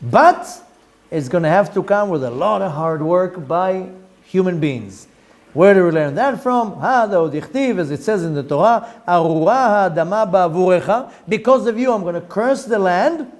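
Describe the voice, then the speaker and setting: With a high voice and an Israeli accent, a middle-aged rabbi leads a Torah lesson on the Zohar. He reads Hebrew at speed and explains it in English, driving the point home with lively rhetorical questions.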